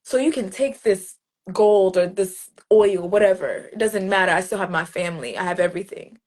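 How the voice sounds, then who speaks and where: A woman's voice: medium pitch, normal speed. A woman, a poet guest in an interview, telling stories in a casual way and acting out street greetings. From New Jersey, USA. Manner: animated storytelling, acts out street greetings in other voices.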